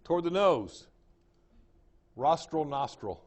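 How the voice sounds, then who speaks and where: A fairly high-voiced man with an East Texas drawl gives a classroom lecture. He repeats each term and keeps asking the room whether it makes sense. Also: animated, slow. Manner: drawling, repeats terms, checks understanding with the class. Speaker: anatomy lecturer.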